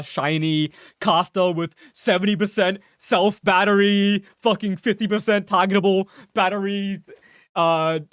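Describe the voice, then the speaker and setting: A man's voice: high-pitched, smooth, no echo, studio quality. A young man streaming a game, chatting casually and rambling, swearing freely and laughing at himself. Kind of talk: casual gameplay stream chat.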